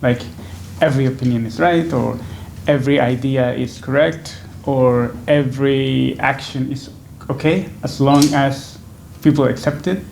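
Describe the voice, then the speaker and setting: A young man from Venezuela speaks in a slightly gravelly, mid-pitched voice, pausing often and restarting his sentences as he answers interview questions. He sits in a small indoor room close to a stand microphone, with a faint hiss behind him. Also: fairly even intonation, a little mellow. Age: 20s. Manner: thoughtful, hesitant, many fillers and restarts. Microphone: stand microphone in front.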